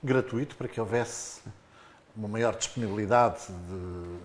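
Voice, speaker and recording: A man's voice: lowish voice, a little slow, slight background noise. A man with a European Portuguese accent, hosting a local radio interview and putting short questions to a guest. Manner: brief prompting questions.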